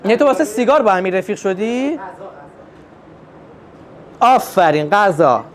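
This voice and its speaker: High-voiced man doing lively stand-up. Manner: animated storytelling, acting out family dialogue. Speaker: stand-up comedian. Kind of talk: stand-up comedy routine. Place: comedy club stage with live audience.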